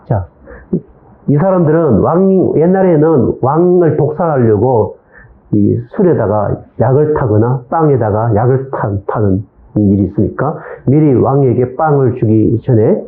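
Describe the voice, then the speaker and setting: A middle-aged male pastor tells a Bible story to a class, his pitch rising and falling freely as he repeats key words and acts out short lines. The recording is echoey and thin, with a narrow, phone-like sound. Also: animated, unhurried. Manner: storytelling, mixes simple English words into his speech, acts out short quotes. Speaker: pastor teaching a Bible overview. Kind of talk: informal Bible lecture.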